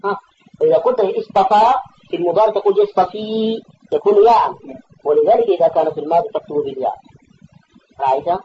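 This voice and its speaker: A man's voice: high voice, quick pace, lo-fi sound, a little hiss or hum. A man teaching a classical grammar text, patiently explaining points and correcting his student. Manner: patient, repeats and corrects the reader, asks checking questions.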